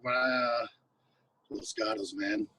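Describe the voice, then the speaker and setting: Speaking slowly with a flat delivery, this guest musician, an American singer-songwriter with West Coast and Hawaii roots, swaps laid-back, slangy anecdotes in casual conversation. His voice is medium-pitched with a sharp tone. The mic is distant, but there's no room sound.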